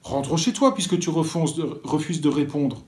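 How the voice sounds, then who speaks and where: A man's voice: a little high, normal speed, darkish tone, natural voice. A man voicing a stern but kindly male village schoolteacher in a told story.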